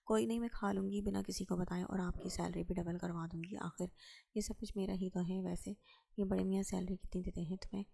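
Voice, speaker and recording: A woman's voice: medium pitch, fairly even intonation, creaky, mellow, slightly rough. A woman reading aloud and voicing a bold, talkative young woman who speaks in a sassy, outspoken way. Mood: chatty. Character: lively chatty young woman, bold and cheeky.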